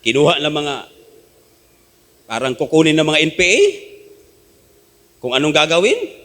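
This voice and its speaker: Animated preacher man in echoing hall. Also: normal speed. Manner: animated, swings between hushed lows and high exclamations. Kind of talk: Taglish sermon with testimony. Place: church hall. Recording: long echoey church hall reverb.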